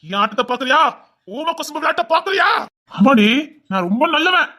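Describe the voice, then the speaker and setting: A man's voice: very animated, fairly quick, heavily acted. A man with a Tirunelveli Tamil accent, voicing a wronged and vengeful husband in a dubbed family drama, scolding bitterly. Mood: seething. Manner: bitter, scolding, swinging between shouts and low mutters.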